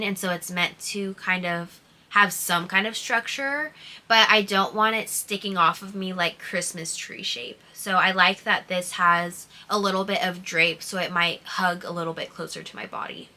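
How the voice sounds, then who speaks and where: An American sewing vlogger chats casually and gushingly, sounding informal and emphatic. Her mid-range voice is pushed and bright, and a speech impediment shifts her R sounds toward w.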